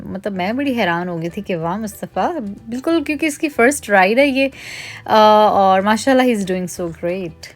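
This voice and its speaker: A woman's voice: mid-range voice, expressive, moderate pace, soft background music. A young woman narrating a casual family vlog as a chatty, cheerful mother, switching between Hindi and English. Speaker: lifestyle vlogger and mother. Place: outdoor county fair.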